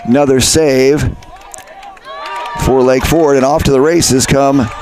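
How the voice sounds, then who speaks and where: A man's voice: medium pitch, fairly even intonation, unhurried, a little mellow, a faint crowd, a little hiss or hum. Chatty male lacrosse announcer outdoors. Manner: chatty, self-correcting, conversational. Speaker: play-by-play announcer. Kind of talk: live lacrosse commentary. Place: outdoor high school field.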